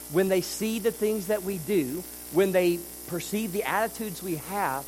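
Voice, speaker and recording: A man preaching a sermon at a church service, swinging between loud emphasis and quiet intensity and asking the congregation rhetorical questions. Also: high-pitched, a little hiss or hum, poor audio. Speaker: pastor.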